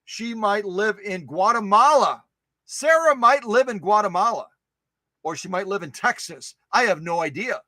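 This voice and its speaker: Playful guy hosting a livestream, high voice bouncing all over, repeats stuff a lot. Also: normal speed, no room sound. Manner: playful and animated, repeats himself. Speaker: host of a sewing machine restoration channel. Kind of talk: casual livestream chat, reading out viewer comments.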